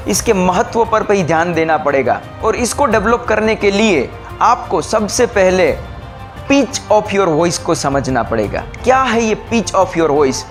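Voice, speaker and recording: Man, speaking coach, slow deliberate delivery, faint background music. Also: high-pitched. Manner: slow, deliberate explaining, mixing English phrases. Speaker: public speaking trainer. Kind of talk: bilingual training talk.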